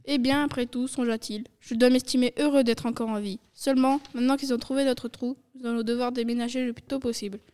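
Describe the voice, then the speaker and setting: High, smooth woman reading a story aloud. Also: steady tone, fast talker, few pauses, a little mellow. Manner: shared reading, taking turns. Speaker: reader.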